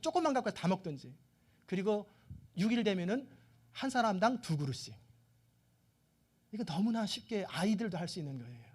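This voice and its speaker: A man preaching a sermon, telling the story with animated delivery and putting questions straight to his listeners. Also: high-pitched. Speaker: pastor.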